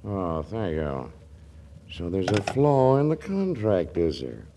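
A man playing a scheming, theatrical talent boss, hammy and smooth-talking in old-time comedy. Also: low-pitched, very animated, takes it slowly, warm tone, slight background noise, heavily acted. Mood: gleeful.

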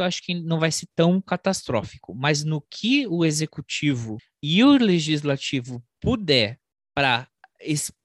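Halting man in casual political chat. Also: fairly high pitch, fairly bright tone, no echo, studio quality. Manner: halting, many restarts and repeated words. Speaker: podcast co-host.

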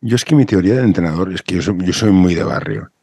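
Low gravelly interviewer. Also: male voice, lively intonation, fast talker, dark tone, no echo, clean studio sound. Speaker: interviewer and youth coach. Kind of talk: conversational interview.

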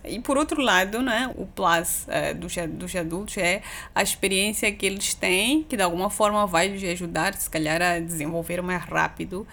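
Woman guest chatting in an interview, kinda low creaky voice, hesitant, thinking it through. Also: moderate pace, a bit bright. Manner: hesitant, explanatory, seeks agreement with tag questions. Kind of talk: casual reflective interview talk.

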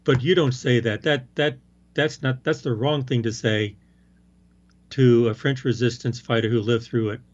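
A man's voice: mid-range voice, fairly even intonation, normal speed, a little mellow. Man giving his opinion firmly, says things twice, kinda muffled lo-fi sound. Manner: emphatic, repeats his points. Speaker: co-host discussing a film. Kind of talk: casual chat.

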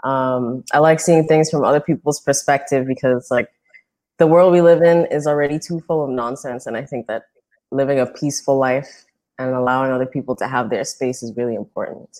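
A woman's voice: very deep voice, steady tone, fairly quick, a little mellow. Friendly Bahamian woman in her twenties. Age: 20s. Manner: friendly, giggly, thoughtful. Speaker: guest. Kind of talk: casual podcast interview.

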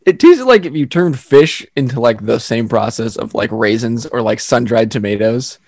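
With a mid-range voice, a moderate pace, and some vocal fry, this young co-host keeps the podcast chat relaxed. Frequent laughter punctuates his lively stories, and the studio recording is clean and dry.

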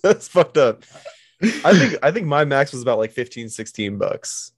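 A man in his twenties chatting casually with friends, easygoing and profane, often pausing on "uh.". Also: mid-range voice, very animated, dry recording, clean studio sound. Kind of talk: casual chat.

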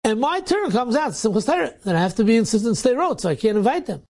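A man's voice: very high voice, quick pace. A man, a rabbi, telling an inspirational story and acting out the dialogue with energy. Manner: animated, acts out dialogue in quotes.

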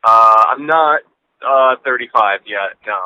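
A man in his late twenties, talking through his cell phone on speakerphone as a podcast co-host in casual, rambling chat with halting restarts and casual swearing. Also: medium pitch, bright, forceful tone, clean tone, no echo, lo-fi sound. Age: late 20s. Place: in a car.

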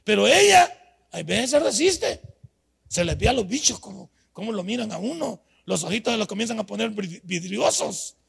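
Gravelly older male preacher. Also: high-pitched, sing-song, moderate pace. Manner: storytelling, swings from quiet to shouting. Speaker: pastor. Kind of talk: sermon.

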